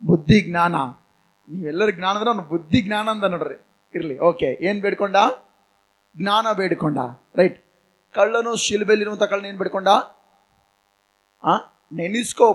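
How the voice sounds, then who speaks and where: A man's voice: high voice, rough recording. Kannada-accented man preaching a sermon. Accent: Kannada, northern Karnataka. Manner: preaching with calls of hallelujah and questions to the congregation. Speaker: pastor. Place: church hall.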